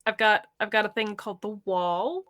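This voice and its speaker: A woman's voice: mid-range voice, moderate pace, fairly bright tone, no room sound, clean studio sound. A woman playing in a tabletop game, thinking aloud and laying out her plan step by step. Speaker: player. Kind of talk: tabletop role-play chat.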